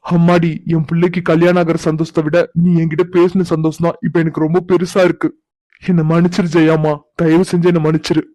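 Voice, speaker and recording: A man's voice: on the high side, flat delivery, a little fast, dark tone, no room sound, close to an everyday voice. A man voicing several middle-aged brothers in a cartoon, pleading and emotional as they ask their sister for forgiveness. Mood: tearful. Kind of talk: cartoon voice acting.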